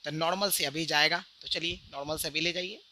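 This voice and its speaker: Bright-voiced man teaching physics. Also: a little high, steady tone, a little fast, a little hiss or hum. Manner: keeps asking "right?" and speaks to the students directly. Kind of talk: explaining a diagram on an online lesson.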